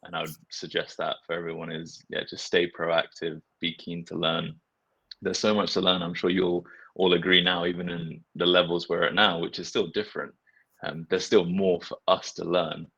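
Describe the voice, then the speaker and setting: A man's voice: sits low, flat delivery, moderate pace, gravelly, pushed and bright, slightly rough. A man from Nepal speaking as a designer on an online panel, earnest and reflective, with a lot of casual filler words. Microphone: video call. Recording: dull, lo-fi video call audio.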